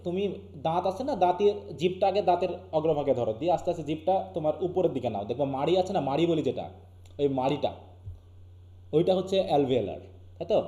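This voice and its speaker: Bangladeshi guy teaching online, asks the class stuff all the time, roomy echo, a bit high. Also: lively intonation, fast talker, warm tone. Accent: Bangladeshi Bengali. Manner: keeps asking students questions. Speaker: English teacher. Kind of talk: live online class lecture.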